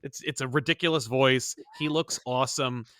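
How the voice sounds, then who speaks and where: A man co-hosting a pop culture podcast, talking in a casual, playful and animated way. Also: medium pitch, normal speed, no room sound, clean studio sound. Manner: animated, playful, puts on silly voices in quotes. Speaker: podcast co-host. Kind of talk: casual chat.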